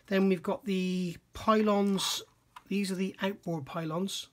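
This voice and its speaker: A man's voice: sits high, little pitch movement, takes it slowly, noisy background. Musing man at a workbench. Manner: musing, self-questioning, admiring. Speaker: scale model reviewer. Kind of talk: casual hands-on kit review. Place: workbench indoors.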